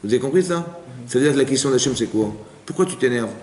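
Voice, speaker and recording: A man, a rabbi teaching a Torah class to an audience, animated, asking questions and acting out little everyday scenes. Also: mid-range voice, fast. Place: community center hall. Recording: echoey hall with faint noise.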